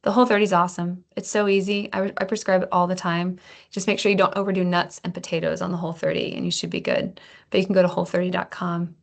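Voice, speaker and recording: A woman with a low, gravelly voice gives a casual health lesson. She talks in a loose, conversational way, full of restarts and small fillers, and she sounds like she is explaining things to patients. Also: level tone, fast. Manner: chatty, restarts often, uses fillers. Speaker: health presenter.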